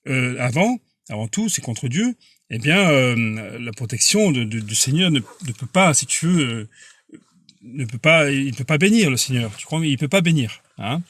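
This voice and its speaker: A man's voice: mid-range voice, lively intonation, fairly bright tone, slightly rough, dry recording. Earnest man preaching on a live stream. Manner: halting, repeats words, earnest and insistent.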